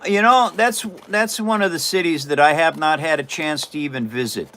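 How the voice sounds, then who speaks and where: A man's voice: a little high, normal speed, a bit bright, slight background noise. A man from Washington State hosting a casual livestream while he builds a paper model, folksy and rambling with frequent chuckles. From Washington State, USA.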